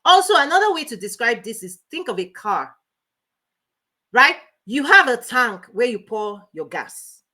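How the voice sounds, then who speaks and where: A woman hosting a motivational livestream as a life coach, talking fast and emphatically, repeating key points and greeting viewers by name. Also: on the high side, very animated, bright, forceful tone. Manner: speaking fast.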